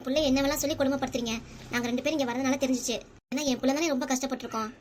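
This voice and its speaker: A woman's voice: high-pitched, fairly even intonation, racing, slight background noise, natural voice. A woman voicing a fussing, protective elderly grandmother in a cartoon comedy, scolding her son-in-law.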